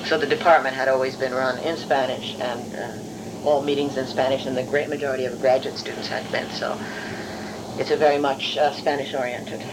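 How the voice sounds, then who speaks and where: A middle-aged Hungarian woman, a university professor and non-native English speaker, recollects her career in an oral history interview, discursive and careful as she corrects herself. Her voice is extremely low and steady, her pace brisk, and the recording very noisy.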